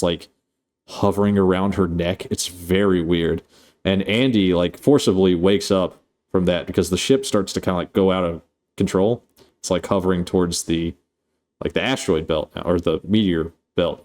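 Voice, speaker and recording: Low-voiced man rambling through a movie recap. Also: darkish tone. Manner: rambling and profane, with many fillers and restarts. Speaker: movie reviewer. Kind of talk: casual spoken movie recap.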